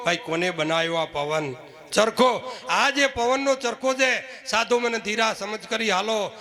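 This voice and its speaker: A man's voice: sits high, unhurried, pushed and bright. A man preaching at a village devotional gathering, who keeps asking the crowd rhetorical questions and sometimes chants verses. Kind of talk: devotional sermon with sung verses.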